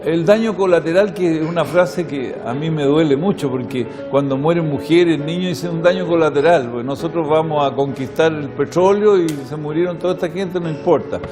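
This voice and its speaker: A man's voice: fairly high pitch, normal speed, few pauses. A man speaking in a documentary interview, explaining and arguing his point. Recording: music bed under the voice.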